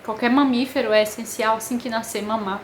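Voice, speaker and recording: A woman with a Brazilian Portuguese accent, telling a personal story to camera in an emotional, halting way with many pauses. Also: fairly high pitch, fairly even intonation, slight background noise. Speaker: vlogger. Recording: echoey room with faint ambience.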